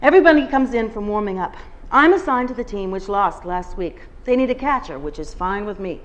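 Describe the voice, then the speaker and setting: At a bookstore, a woman reads a first-person novel aloud to an audience as a guest reader, telling it expressively. Her mid-range voice is lively and she reads fairly quickly. The high frequencies in the audio are cut off.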